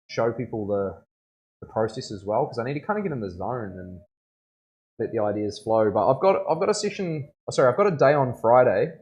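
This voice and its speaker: A man with a broad Kiwi accent and a mid-pitched voice talks to his livestream viewers. He is a tattoo artist chatting in a loose, slangy way, often looking for agreement as he goes. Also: darkish tone. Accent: broad New Zealand. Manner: laid-back slangy speech, often seeking agreement. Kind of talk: casual livestream chat.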